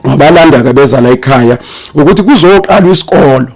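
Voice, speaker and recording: Fast-talking South African man preaching. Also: on the high side, expressive, creaky, darkish tone. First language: Zulu. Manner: repetitive, listing delivery. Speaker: guest preacher. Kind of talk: sermon.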